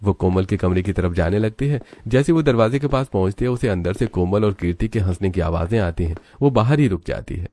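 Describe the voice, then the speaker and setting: A man's voice: deep voice, fairly quick, few pauses, no room sound. Man narrating a family story. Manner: steady storytelling.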